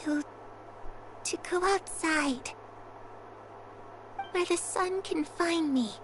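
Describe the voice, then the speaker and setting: Eerie, slow-spoken, high-voiced young girl. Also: slight background noise, full character voice, rough recording. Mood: wistful. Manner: slow, hushed, haunting. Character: eerie, wistful young girl trapped in darkness. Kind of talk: video game character acting.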